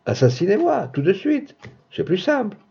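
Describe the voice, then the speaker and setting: Guy doing a stubborn young wife, cold and curt, husky mellow tone, dull lo-fi audiobook sound. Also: high voice, very animated, moderate pace, pitched above the performer's own voice, full character voice. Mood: defiant. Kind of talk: audiobook reading.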